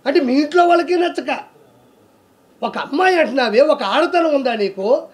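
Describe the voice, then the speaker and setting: A man with a very high-pitched voice rants about politics in a sarcastic, scolding tone. He fires off rhetorical questions one after another and mocks his target as he goes. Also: animated, moderate pace. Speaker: comedian giving political commentary. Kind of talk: heated political rant.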